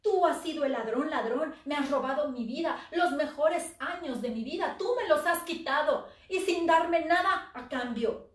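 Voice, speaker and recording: A desperate young wife who begs and rages in a high, shrill, tearful voice, as a woman storyteller acts her out. The sound echoes around a big room, and the mic sits some way off. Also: moderate pace, natural voice. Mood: furious. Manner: pleading, shrill and sobbing. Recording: roomy echo, from far off the mic.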